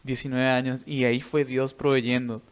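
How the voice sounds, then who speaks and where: A man's voice: medium pitch, little pitch movement, normal speed, clean tone. A man, a missionary preacher and musician, telling his faith testimony in an earnest storytelling way. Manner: earnest storytelling, tags sentences with a questioning "right?". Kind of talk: personal faith testimony in an interview.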